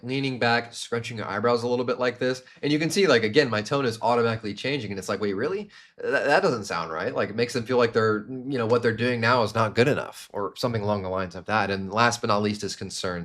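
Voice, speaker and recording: A young man in his twenties teaching sales to camera, energetic and demonstrating different tones with hand gestures. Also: lowish voice. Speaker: sales trainer. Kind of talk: instructional talk to camera.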